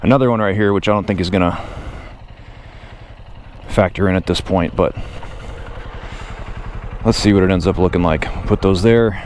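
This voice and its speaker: A man's voice: sits low, normal speed, long pauses. A man narrating a casual, off-the-cuff vlog outdoors on a motorcycle, thinking aloud to himself and his viewers. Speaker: motovlogger. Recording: loud vehicle and outdoor noise.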